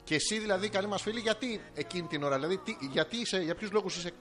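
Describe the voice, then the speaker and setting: A man's voice: high-pitched, a bit bright. A man co-hosting a podcast in casual banter, teasing his partner and swearing freely. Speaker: podcast co-host. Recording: music playing underneath.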